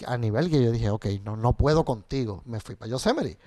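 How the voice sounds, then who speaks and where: Middle-aged man, interview guest, lively bilingual storytelling, frequent swearing, dry sound. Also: mid-range voice, brisk, dry recording. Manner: switches between Spanish and English, swears freely, animated storytelling. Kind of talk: casual interview chat.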